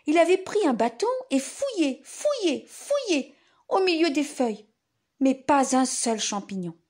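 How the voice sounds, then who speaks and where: A woman narrating a children's bedtime story in simple, expressive phrases, as if reading to a toddler. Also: sits high, unhurried.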